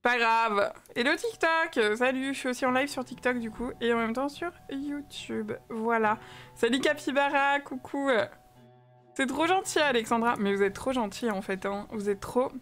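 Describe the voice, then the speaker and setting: A woman's voice: on the high side, normal speed, a bit bright, soft background music. A young woman from France streaming a game live, chatting casually and greeting viewers by name with lots of fillers.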